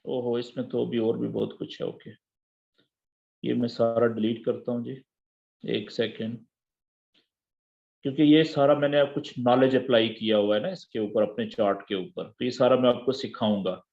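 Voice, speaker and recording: A man walks learners through a trading app, repeating each term and checking in often. His voice sits at a middle pitch. The audio is dull and lo-fi. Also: steady tone, normal speed, gravelly, a little mellow. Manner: patient, repeats key terms and checks understanding. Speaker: forex trading teacher. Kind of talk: screen-share tutorial.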